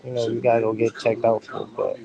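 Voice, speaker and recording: A man's voice: medium pitch, level tone, brisk, creaky, highs cut off. Earnest man, chatter behind. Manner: earnest, hedging with "you know". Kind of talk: casual chat.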